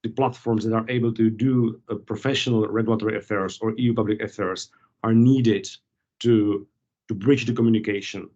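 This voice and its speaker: A man, a guest explaining policy work in a measured, formal way during an interview held over a video call. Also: fairly low pitch, steady tone, a little mellow, lo-fi sound. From Czech Republic.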